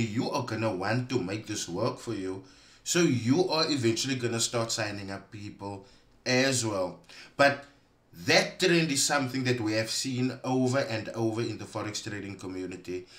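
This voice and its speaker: A man comments in a reaction video, speaking straight to his viewers. He is pointed and leans on emphatic pauses, with a mid-pitched voice in a roomy, echoey recording. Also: a bit bright. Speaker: commentator exposing online schemes.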